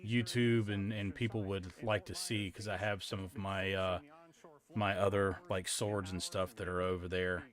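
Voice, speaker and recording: A man chatting casually as a live streamer, in a rambling, halting way. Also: deep voice, flat delivery. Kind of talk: casual livestream chat.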